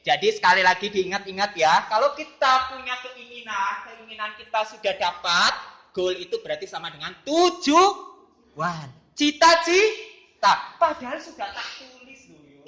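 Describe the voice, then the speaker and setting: A middle-aged teacher, playfully teasing students and calling on them by name in a lively online class. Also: medium pitch, roomy sound.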